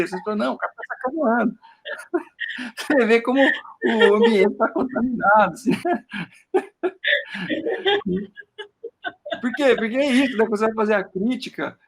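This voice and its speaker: A Brazilian poet talks through his work in a relaxed interview over a video call. His voice sits high and has a gravelly, husky edge. He rambles, repeats words as he searches for them, and keeps tagging his sentences with a questioning "né?". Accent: Brazilian Portuguese. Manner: rambling, with frequent "né?" tags and stammered repeats. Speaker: poet talking about his book. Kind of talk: casual interview chat while showing his work on screen.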